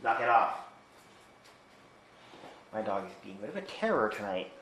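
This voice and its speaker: A man hosting a casual interview, asking rambling, halting questions full of fillers. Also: fairly low pitch, very animated, fairly bright tone, echoey room, slight background noise, low-quality recording. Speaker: interview host.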